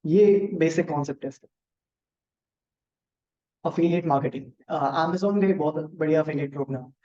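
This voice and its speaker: Quick-talking Indian man teaching a class. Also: fairly high pitch, mellow. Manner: fast-talking, explains with examples, checks in with students. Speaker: online marketing teacher. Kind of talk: live online class. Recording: echoey room, dull lo-fi sound.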